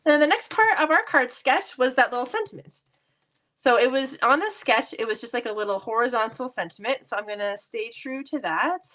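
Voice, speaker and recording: A woman whose voice sits on the high side, animated, brisk, and a bit bright, is demonstrating card making down in her basement craft room despite a stuffy cold. She keeps up casual chatter, laughs lightly and often, and pokes fun at herself.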